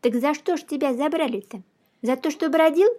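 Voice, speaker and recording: A woman voicing a blustering old male judge who scolds loudly in a storybook reading. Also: high-pitched, a little fast, pitched above the performer's own voice, lightly acted. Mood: scolding. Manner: loud exclaiming scolding.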